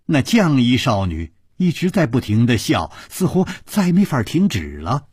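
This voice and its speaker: A male storyteller narrating a long-form story broadcast in an animated way, voicing every character himself. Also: mid-range voice, a little slow, slightly rough, no echo, clean studio sound.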